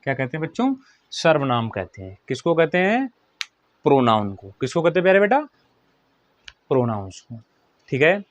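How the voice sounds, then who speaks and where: A man teaching a grammar lesson to children, who asks a question and then answers it himself, and slows right down to dictate definitions. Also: a little high, dry recording.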